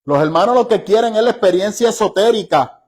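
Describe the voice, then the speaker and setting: A man's voice: high voice, expressive, a little mellow, husky. Emphatic man teaching a Bible study. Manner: emphatic, asks rhetorical questions of listeners; slows down to stress key phrases.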